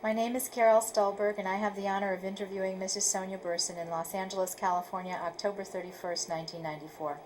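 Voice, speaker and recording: Formal woman interviewer with measured questions. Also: medium pitch, little pitch movement, background noise. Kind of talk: oral history interview questions.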